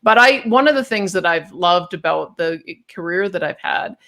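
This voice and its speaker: Canadian woman guest, low-ish voice, earnest and repetitive, video-call interview. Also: animated, normal speed, sharp tone. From Calgary, Canada. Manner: earnest, repeats words as she thinks. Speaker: guest, policy paper author. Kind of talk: conversational interview answers.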